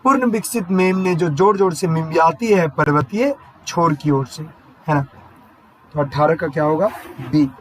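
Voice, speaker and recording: A male teacher explains poetry line by line, unhurried and repetitive, asking his own questions and then answering them. His voice sits fairly high. Faint noise runs underneath. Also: poor audio. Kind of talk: exam-prep lesson explaining English poetry.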